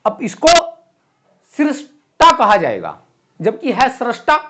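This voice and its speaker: A man with an unusually high, lively voice teaches a classroom lesson for exam students. He writes on a board as he talks and repeats key words slowly and clearly. His pitch swings widely between words.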